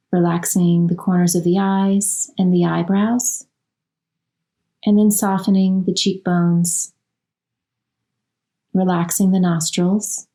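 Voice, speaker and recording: A woman leading a guided yoga nidra relaxation, speaking in a slow, soothing and gently instructive way. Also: mid-range voice, poor audio. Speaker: meditation guide.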